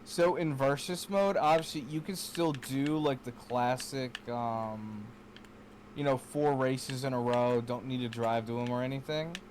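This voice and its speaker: A man chatting casually while playing a kart racing game with friends, excitable and rambling, swearing often. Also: medium pitch, unhurried, slight background noise. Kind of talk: casual gaming chat.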